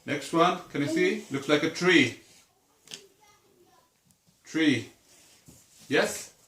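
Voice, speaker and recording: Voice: medium pitch, drawn-out words, a bit bright. A teacher patiently guiding a young child through counting, with simple repeated questions. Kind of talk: one-to-one early maths lesson, counting aloud. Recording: echoey room.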